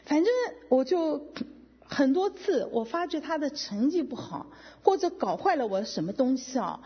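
Animated woman sharing a testimony. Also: high voice, normal speed. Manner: emotional, animated storytelling with quoted dialogue. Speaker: testimony speaker. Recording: dull lo-fi sound with long hall reverb.

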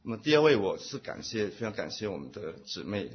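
Man, husky and low, church testimony in short pauseful phrases, muffled lo-fi recording. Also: very animated. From Taiwan. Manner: speaks in short phrases, pausing for an interpreter. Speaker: church member giving testimony. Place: church meeting.

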